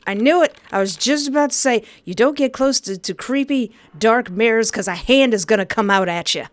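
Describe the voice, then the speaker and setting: A woman's voice: mid-range voice, big pitch swings, fairly quick, no echo, close to an everyday voice. A woman voicing a frightened, jittery young woman who reacts to horrors with panicky, wisecracking exclamations. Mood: panicked. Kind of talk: dramatic character reactions.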